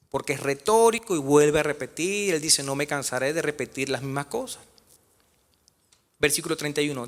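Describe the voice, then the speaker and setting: A man's voice: sits high, pushed and bright. A man preaching a sermon as pastor, questioning his congregation in a church. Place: church sanctuary. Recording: reverberant church hall.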